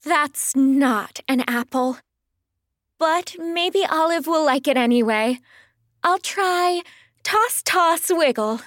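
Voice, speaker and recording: A woman's voice: sits high, takes it slowly, dry recording, clean studio sound, pitched above the performer's own voice. A woman voicing an eager, clumsy young magical creature with hooves who cries out in sudden exclamations. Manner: bright, exclamatory, easily startled.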